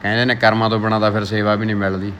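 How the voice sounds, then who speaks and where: A man's voice: fairly low pitch, level tone, very fast, a bit bright, slight background noise. A man with a Punjabi accent talking casually and playfully in a village vlog, teasing the people around him. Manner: playful, teasing with friends and children. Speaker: vlogger.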